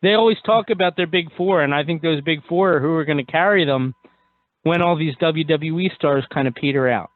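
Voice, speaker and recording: A man's voice: fairly high pitch, dry recording. A man hosting a radio talk show, chatting casually and joking around. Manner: jokey, quick, chatty. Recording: dry, tinny phone-like sound.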